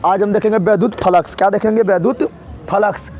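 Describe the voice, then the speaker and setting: A man's voice: high voice, steady tone, quick pace, a little mellow, faint music behind. A man teaching a physics lesson, asking students questions and repeating key words again and again. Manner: repetitive call-and-response questioning. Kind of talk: classroom lecture.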